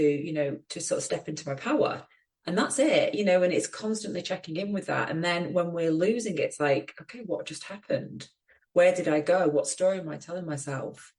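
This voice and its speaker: Low-voiced earnest woman co-host. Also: a little mellow. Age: middle-aged. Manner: reflective, earnest, many you-knows. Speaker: podcast co-host. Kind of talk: casual chat.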